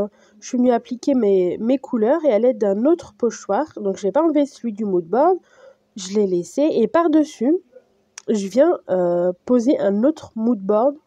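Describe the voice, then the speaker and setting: Hesitant woman with a very dark voice. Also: on the high side, no room sound. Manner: hesitant, many fillers. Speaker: craft vlogger. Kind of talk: casual tutorial voice-over.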